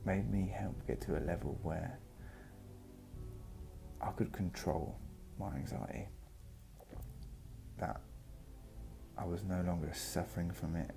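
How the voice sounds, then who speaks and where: A man giving a reflective, personal vlog monologue, speaking earnestly in short, halting phrases. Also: deep voice, creaky. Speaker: vlogger. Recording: music behind the voice.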